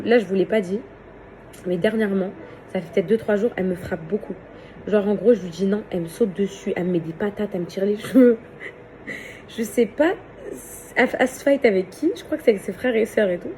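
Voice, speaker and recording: A woman influencer in a casual phone story, chatting to her followers in a slangy, lively way, laughing often, outdoors in a residential complex. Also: mid-range voice, slight background noise.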